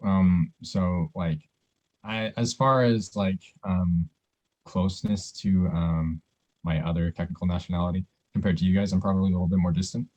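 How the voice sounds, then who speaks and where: A man with a very deep, mellow voice talks things over casually on a podcast. He rambles thoughtfully and pads his sentences with fillers. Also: fairly even intonation, moderate pace, lo-fi sound. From United States.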